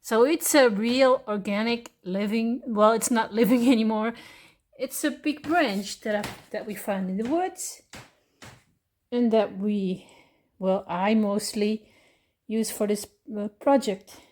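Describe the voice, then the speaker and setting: A hobby crafter with a Dutch accent gives a casual show-and-tell of a miniature build. Her voice sits on the high side with a darkish tone, and she's hesitant, pausing often with fillers and correcting herself as she explains.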